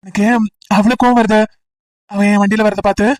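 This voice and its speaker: A woman doing a cheeky young college guy, teasing and coaxing, fast talker, flat pitch, slightly far from the mic. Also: lightly acted. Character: teasing, persistent young male college student. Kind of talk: amateur audio drama.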